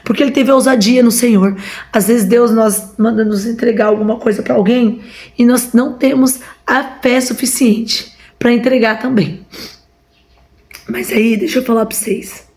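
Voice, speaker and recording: A woman's voice: on the high side, fairly even intonation, moderate pace, darkish tone. A woman with a Brazilian Portuguese accent giving a fervent testimony from home, repeatedly calling her listeners brothers. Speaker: preacher. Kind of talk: emotional testimony to a congregation.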